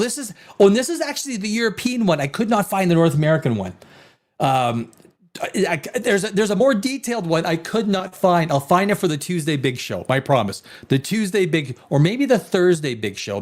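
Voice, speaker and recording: A middle-aged Canadian-raised man with a high voice hosts a casual talk show. He rambles animatedly, restarts his sentences, and sometimes drops almost to a whisper.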